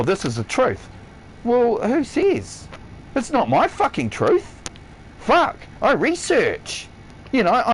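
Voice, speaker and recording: A man with a high voice that leaps up and down his range as he vents on a live game stream. He is blunt, swears constantly, and hammers each point home. A faint hiss sits under his voice. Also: poor audio. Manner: blunt, heavily profane, emphatic rant. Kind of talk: ranting livestream monologue. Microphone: console headset or stream mic.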